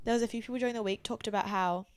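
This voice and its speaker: A young woman co-hosting a podcast, telling animated stories in casual chat, full of "like"s and restarts. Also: on the high side, very fast, clean tone, dry recording. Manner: chatty, many "like"s and restarts, animated storytelling. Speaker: podcast co-host.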